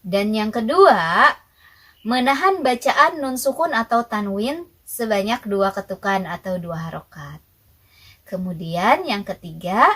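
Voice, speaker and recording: A woman's voice: medium pitch, fairly bright tone, breathy edge, low-quality recording. A young woman, patiently teaching Quran recitation rules step by step and asking her own questions before answering them. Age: young adult. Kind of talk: recorded tajwid lesson.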